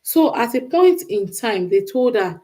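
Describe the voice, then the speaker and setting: A woman with a Nigerian accent gives relationship advice in an unscripted livestream monologue. Her voice is on the high side, sing-song and mellow, and she speaks unhurriedly. She talks emphatically, repeating phrases to stress her points.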